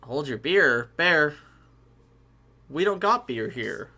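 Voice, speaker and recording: A woman streaming a game with friends, loud and swearing freely in casual chat. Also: deep voice, lively intonation, takes it slowly, husky.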